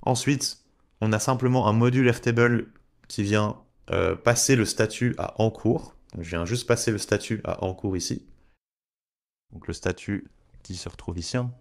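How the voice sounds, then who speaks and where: Give me a man, explaining software step by step to his viewers. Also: fairly low pitch, normal speed, creaky. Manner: chatty, addresses viewers directly, walks through steps. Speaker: tutorial creator. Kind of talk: screen-share software tutorial.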